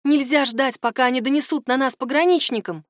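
Tense young woman read by a woman narrator, insistent, high voice, storybook. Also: fairly quick, no room sound, studio quality, natural voice. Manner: strained, insistent. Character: tense secretive young woman hiding an escape plan.

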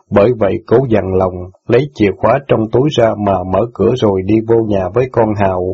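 A man narrating an audiobook in calm, measured storytelling. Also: fairly low pitch, slightly rough. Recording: dull lo-fi audiobook recording.

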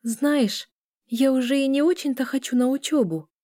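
A woman voicing a tired, gentle young pregnant student who complains plaintively. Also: a little high, lively intonation, normal speed, no echo, clean studio sound, voice pushed up, lightly acted. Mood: weary. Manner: weary, plaintive.

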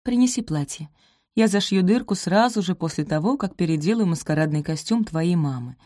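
A woman's voice: lowish voice, animated, a little fast, mellow, no room sound, studio quality. A woman voicing a patient kind young maid. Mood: reassuring. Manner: soothing, reassuring.

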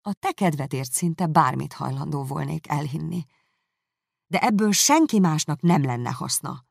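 A woman reading a novel aloud, voicing a spirited, sharp-tongued young woman who talks emphatically. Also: low-pitched, lively intonation, creaky, slightly rough, dry recording, clean studio sound, full character voice. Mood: indignant. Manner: indignant, emphatic.

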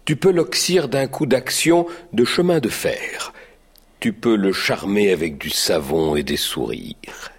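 A man's voice: lowish voice, expressive, takes it slowly, breathy edge, heavily acted. A man playing a mild, timid baker who tells his woeful story in tears, in a radio drama. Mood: mournful. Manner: lamenting, tearful storytelling.

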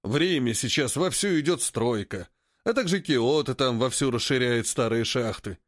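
A stocky old cart driver, as a story reader plays him, calm and wry as he explains things. His voice moves with lively intonation, recorded close and dry. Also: medium pitch, moderate pace, no echo, close to an everyday voice. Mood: lecturing. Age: older.

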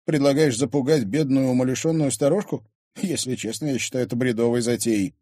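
A man's voice: mid-range voice, fairly quick, warm tone, dry recording, studio quality, pitched above the performer's own voice, natural voice. A man voicing a cautious, doubtful teenage boy with a skeptical manner. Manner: skeptical, hesitant.

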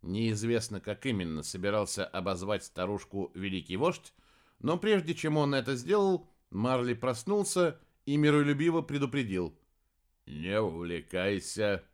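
Lively male audiobook narrator. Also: medium pitch, normal speed. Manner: lively storytelling.

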